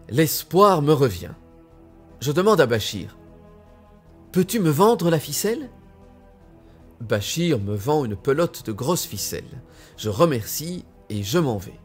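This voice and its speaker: Male storyteller for a children's tale, unhurried and very animated, over faint background music. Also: medium pitch. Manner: expressive, deliberate storytelling. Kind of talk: reading a children's tale aloud.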